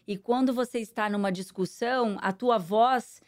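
A middle-aged woman with a Brazilian Portuguese accent, answering interview questions in an earnest, measured way with many fillers. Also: on the high side, darkish tone. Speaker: interview guest, politician. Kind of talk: conversational interview.

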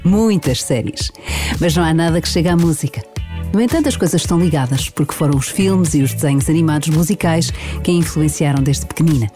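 A woman reads a measured, scripted introduction. Her voice is slightly low and mellow. Faint music plays behind her. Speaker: presenter introducing the guest. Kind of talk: scripted narration.

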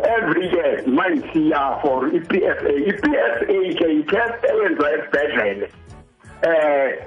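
A man's voice: on the high side, narrow, tinny audio. A man in his sixties with a South African Xhosa accent, telling his story conversationally as an interview guest and often checking that his listener follows. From Eastern Cape, South Africa. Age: 60s. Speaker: interview guest, cancer survivor.

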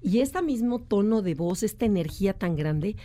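A woman's voice: mid-range voice, animated, moderate pace, dark tone. A woman explaining personality types on a radio talk show, acting out quoted voices with frequent restarts. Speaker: enneagram expert guest.

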